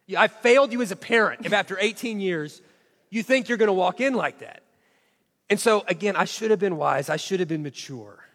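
A high-voiced man in his forties tells a story from the stage, acting out every line of dialogue with self-mocking animation. His voice rings out with a long reverb through a large hall. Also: a little fast, a bit bright. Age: 40s. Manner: acts out quoted dialogue expressively, self-mocking.

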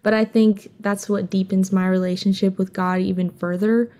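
Soft-spoken young woman singer, mellow tone. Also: mid-range voice, little pitch movement, normal speed. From Hawaii. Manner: earnest, open, soft-spoken with frequent "um" and "like". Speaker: singer guest. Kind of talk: casual interview talk.

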